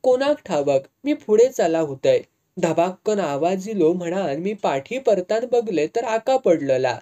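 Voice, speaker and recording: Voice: medium pitch, sing-song, a little slow, warm tone. A reader voicing an eager young village man who speaks in a Malvani accent, in a serialized novel reading. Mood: excited.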